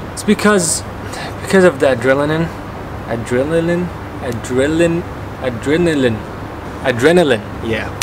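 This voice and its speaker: A man in his twenties casually answering viewer questions in a relaxed, chatty way, with lots of fillers and restarts. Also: medium pitch. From Canada and Qatar. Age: 20s. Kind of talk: casual Q&A vlog. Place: home office, then outdoor courtyard. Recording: echoey room with clear background noise.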